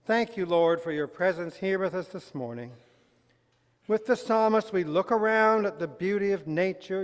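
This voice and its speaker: A man leading a congregation in worship, speaking earnest prayers in a large church hall, recorded from a far camera. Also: high-pitched. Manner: earnest, reverent spoken prayer. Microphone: far camera at back of hall. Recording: loud brass music over voice. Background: brass band and congregation singing.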